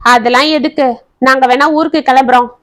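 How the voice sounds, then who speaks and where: A woman's voice: sits high, steady tone, brisk, a bit bright. A woman voicing an impatient, grumpy middle-aged man. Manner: impatient, dismissive.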